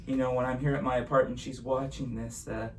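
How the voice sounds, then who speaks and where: A man's voice: medium pitch, level tone, a little fast. A man talking like a kids party magician, playful and chatty as he presents a live magic show and addresses viewers as guys. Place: at home in an apartment. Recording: distant mic, noisy room ambience.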